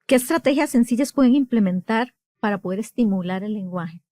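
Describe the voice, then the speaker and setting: A woman's voice: mid-range voice, animated, fairly quick, warm tone, dry recording. A woman with a Costa Rican accent, hosting a podcast, asking interview questions and giving brief affirmations. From Costa Rica. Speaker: podcast host.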